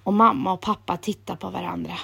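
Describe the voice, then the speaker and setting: A woman calmly reading a children's story aloud in a gentle storytelling manner. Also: fairly low pitch, gravelly, husky.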